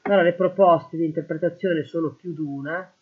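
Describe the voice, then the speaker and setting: A man teaching a lesson, slowly translating Greek verse word by word into Italian. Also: a little high, fairly even intonation. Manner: slow, deliberate, translating word by word. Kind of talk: lecture on Greek poetry. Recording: phone-like lo-fi audio.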